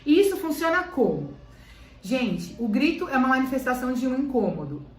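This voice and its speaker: Brazilian woman teacher, high voice, explains by repeating herself, echoey room. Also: big pitch swings, fairly quick, darkish tone, distant mic. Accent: Brazilian Portuguese. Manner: explanatory, repeats phrases for emphasis. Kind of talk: educational talk to parents.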